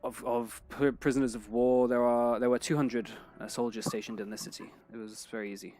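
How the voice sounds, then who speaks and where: A man voicing an orc captain who gives his report in a low, subdued, matter-of-fact way. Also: level tone, brisk, darkish tone, faint music behind, close to an everyday voice.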